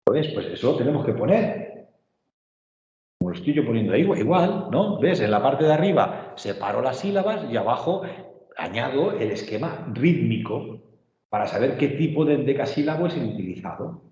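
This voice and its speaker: A male teacher talks his class through a lesson, pausing to check they understand. His voice sits mid-range. The room rings with a long echo, and the sound is dull and muffled. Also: medium pitch, sing-song, a little mellow. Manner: patient, checks understanding with frequent tag questions. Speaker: literature teacher. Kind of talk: online class lecture. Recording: echoey, roomy, dull sound.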